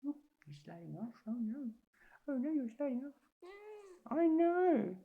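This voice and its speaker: A woman's voice: high-pitched, big pitch swings, measured pace, creaky, narrow, tinny audio. A woman in her forties, rambling casually at home and cooing to her cat in sing-song baby talk. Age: 40s. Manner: meandering, chatty, talks to herself. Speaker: vlogger. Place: home, on a swivel chair by a sofa.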